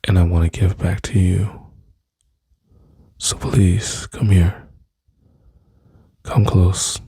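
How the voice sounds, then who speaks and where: Slow gravelly deep-voiced man, soothing. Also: little pitch movement, warm tone, no room sound, clean studio sound. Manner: slow, soothing and intimate, drifting into whispers. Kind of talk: soft-spoken ASMR comfort roleplay. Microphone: close mic.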